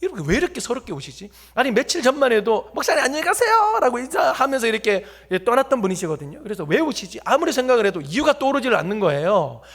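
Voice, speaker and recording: Brief: male pastor, high voice, jokey storytelling sermon that teases the pews. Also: sing-song, fast, hardly any pauses, husky. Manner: jokey, talks directly to the congregation. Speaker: preacher. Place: church sanctuary.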